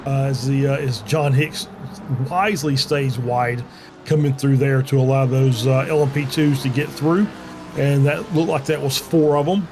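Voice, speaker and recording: A man's voice: mid-range voice, steady tone, moderate pace, music in the background. A man acting as motorsport co-commentator, analysing the race in an explanatory, somewhat hesitant way.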